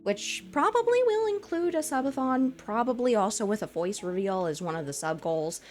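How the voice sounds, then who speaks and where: Soft background music accompanies an animated VTuber in her twenties as she talks with viewers at normal speed. She adopts a lighter, feminized voice above her own low one and rambles, giggling and using fillers.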